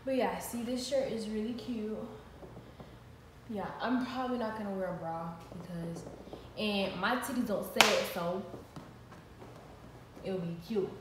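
Filming a clothing haul in her living room, a young woman vlogs playfully with casual slang, her medium-pitched voice a little slow and full of pauses. She's recorded from afar by the camera's built-in mic across the room, leaving her off-mic in an echoey space with background noise.

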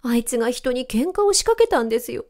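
A woman's voice: on the high side, very animated, quick pace, a little mellow, pitched above the performer's own voice. A woman voicing a sly, whining, two-faced cat in a storybook reading. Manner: whining, falsely sweet.

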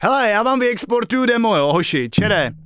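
Brief: high, animated male streamer cracking crude jokes over guitar at home. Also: clean tone, dry recording, clean studio sound. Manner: joking, swears a lot, talks to chat. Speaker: streamer writing a song. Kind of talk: casual stream chat while composing. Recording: loud guitar music behind the voice.

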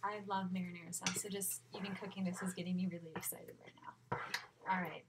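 A young woman teaching cooking gives a casual, upbeat demo in her small home kitchen, moving around as she speaks. Her voice is lowish and level, and she talks briskly. A distant laptop webcam captures loud cooking noise and clicks.

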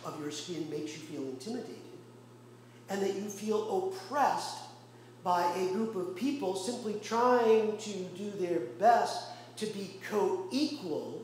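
A male pastor preaching a sermon with impassioned rhetorical questions and pauses, recorded in a church. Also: sits high, a little mellow. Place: church sanctuary. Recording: very echoey church room, faint hum.

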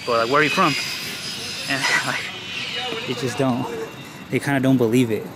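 This is a travel vlogger, a young Los Angeles man narrating casually while cycling one-handed on outdoor city streets, slightly winded and prone to rambling restarts and fillers. His mid-range voice holds a steady tone at a moderate pace, picked up by a camera at arm's length amid loud traffic.

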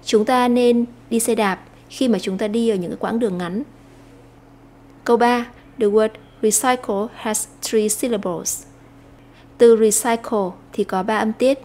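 Woman, Vietnamese accent, English teacher, lesson explanation, slightly high pitch. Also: steady tone, dark tone. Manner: slows down to read English phrases aloud.

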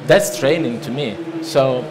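Recorded at low quality on a lectern microphone, a man in his thirties from Italy speaks at a measured pace in a mid-range, Italian-accented voice. He gives a loose, conversational seminar talk full of restarts and fillers at the lectern of a large conference hall, with crowd noise from the listening audience.

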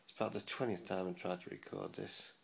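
A British man in his forties with a low, creaky voice records a casual video diary. He sounds weary and self-deprecating, speaking into a phone held at arm's length indoors. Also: flat delivery, brisk. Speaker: vlogger. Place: small room indoors, lying on a pillow.

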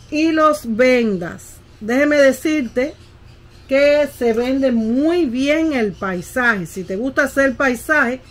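A middle-aged woman, teaching how to paint a landscape in a casual tutorial and often checking that the viewer follows. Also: fairly high pitch. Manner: patient, keeps asking "¿ve?" while demonstrating.

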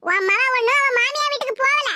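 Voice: very high-pitched, fast, noisy background. A performer voicing an angry middle-aged neighbour woman who scolds and threatens in a Tirunelveli Tamil accent in a cartoon. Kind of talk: cartoon voice acting.

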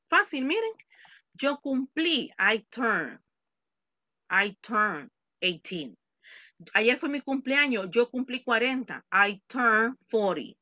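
A woman teaching English over a video call speaks slowly, taking her time with each example. Her voice is bright and a little high, recorded dry and a bit dull through a computer mic. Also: no echo. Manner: patient, repeats words slowly for students. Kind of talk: online English class explained in Spanish. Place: home.

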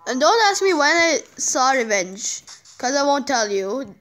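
Excitable high-voiced young girl gaming. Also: a little slow. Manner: excitable, chatty, frequent exclamations. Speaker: gamer. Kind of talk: casual game commentary.

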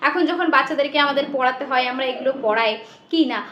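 A woman's voice: high-pitched, bright, forceful tone. A woman teacher with a Bengali accent, patiently explaining an exam-prep lesson and answering her own questions. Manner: chants children's rhymes slowly. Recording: dull lo-fi audio in an echoey room.

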